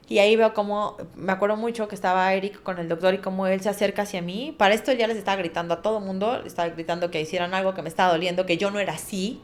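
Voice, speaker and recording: A woman, a podcast guest, earnestly recounting a personal story and vividly acting out what people said. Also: mid-range voice.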